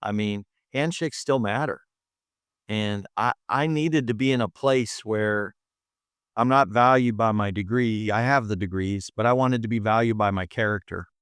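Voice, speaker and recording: Speaking as an interview guest, this hospital chief medical officer, a middle-aged American man from Montana, reflects earnestly on his personal story. His lowish voice moves at normal speed, a bit bright and smooth, in a dry, studio-quality recording.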